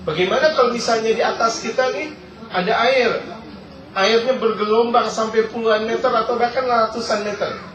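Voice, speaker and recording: A man's voice: very high-pitched, fairly even intonation, normal speed, fairly bright tone, a little hiss or hum. A man preaching a religious lecture, reading Arabic passages and then explaining them in casual, repetitive speech. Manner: repeats key phrases for emphasis. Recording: roomy, distant, dull lo-fi sound.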